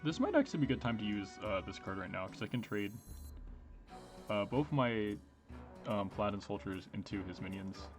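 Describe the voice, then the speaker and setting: A man's voice: on the low side, big pitch swings, a little fast. A man giving casual gameplay commentary, thinking aloud and explaining his moves hesitantly. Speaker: gamer, host. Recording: game music behind voice.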